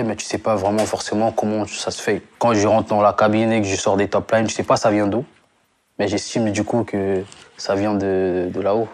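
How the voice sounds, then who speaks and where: Man, young adult, from Congo, low voice, loose casual interview talk, stumbles and fillers. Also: vocal fry. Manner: relaxed slangy talk with many restarts and fillers. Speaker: singer guest.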